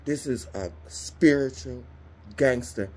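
A woman's voice: a bass voice, slow pace, a little mellow. A woman doing a casual tarot reading, talking to her viewers in a slangy, exclamatory way. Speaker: tarot reader.

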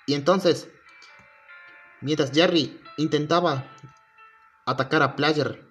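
A man retells a creepypasta in a casual, halting way, often restarting and chaining events with "and then". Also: fairly high pitch, fairly bright tone, highs cut off. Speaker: storyteller. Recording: faint music behind.

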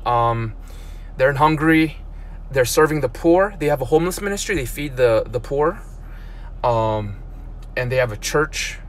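A man's voice: mid-range voice, lively intonation, moderate pace, long pauses. A man in his thirties, from South Korea, talking casually in a live stream from a parked car, holding his phone at arm's length. He rambles, restarting sentences and repeating words. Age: 30s. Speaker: blogger.

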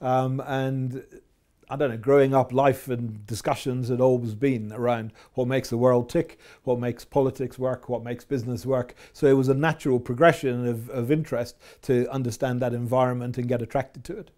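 A man in his fifties with a Scottish accent, a chief executive answering interview questions in a measured, reflective way in an office. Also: medium pitch, fairly even intonation, warm tone. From Scotland. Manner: measured, reflective, with frequent fillers. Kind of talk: business interview. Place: office with window blinds. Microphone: lapel mic.

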